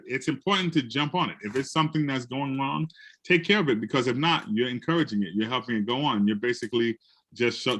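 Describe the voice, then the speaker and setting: A man from the Bronx, an educator telling classroom stories in a conversation and acting out the people he quotes. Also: mid-range voice. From the Bronx, New York. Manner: animated, acts out quotes in other voices. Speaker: educator and guest speaker. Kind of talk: storytelling in a conversation.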